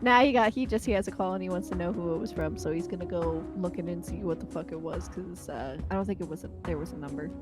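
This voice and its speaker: A woman's voice: fairly low pitch, fast, hardly any pauses, loud music behind the voice. An American woman co-hosting a casual podcast. She is blunt and drops curses into easy chat. She explains things patiently and at length.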